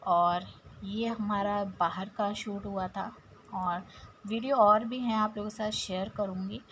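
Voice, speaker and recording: A woman's voice: mid-range voice, steady tone, unhurried, a bit bright, slight background noise, poor audio. A woman with an Indian accent narrating her home vlog to viewers in a chatty, step-by-step way. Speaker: vlogger. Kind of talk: casual vlog voice-over.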